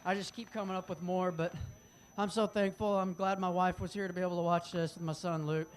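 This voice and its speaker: A man's voice: sits high, flat delivery, a little fast. A man from Oklahoma, a race driver, speaking off the cuff and plainly in a victory lane interview. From Oklahoma, United States. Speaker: race car driver, winner being interviewed. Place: outdoors on a speedway front stretch. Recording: noisy outdoor trackside sound.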